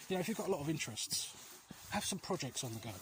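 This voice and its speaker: Talking very fast with lively intonation, a vlog host with a fairly high, slightly bright voice walks outdoor alleys. His rambling, casual chat offers viewers earnest reassurance, though he often loses his thread, and clear ambient noise fills the recording.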